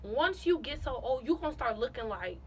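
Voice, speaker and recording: A young woman in her late teens telling a casual storytime to her camera, animated and repeating phrases for emphasis. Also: high voice, moderate pace, slight background noise, poor audio. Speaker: vlogger.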